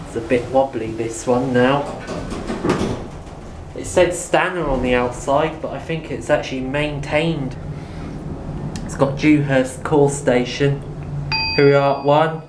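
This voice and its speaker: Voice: mid-range voice, fairly even intonation, unhurried, pauses often. A person giving casual, matter-of-fact commentary on equipment in short factual remarks. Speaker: lift enthusiast filming tours. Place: inside lifts in a store. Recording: echoey, noisy lift interior.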